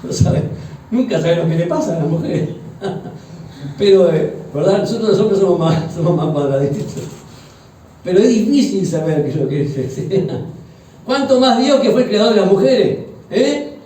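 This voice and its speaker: Uruguayan pastor preaching in an echoey hall. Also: male voice, high-pitched, expressive, moderate pace, mellow, a little hiss or hum. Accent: Uruguayan Spanish. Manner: joking, conversational, asks the congregation questions. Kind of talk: sermon. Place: church hall. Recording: echoey church hall from far off.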